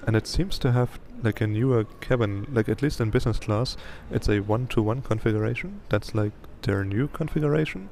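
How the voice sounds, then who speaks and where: A man's voice: lowish voice, gravelly, a little mellow, a little hiss or hum. A man giving a casual, conversational trip report as a travel vlogger.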